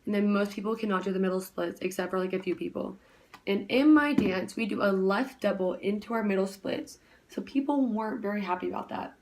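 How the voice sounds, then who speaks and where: Fast-talking chatty young woman vlogger. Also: medium pitch, a little mellow. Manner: talks very fast, rambling with many "like" fillers. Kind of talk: casual chat.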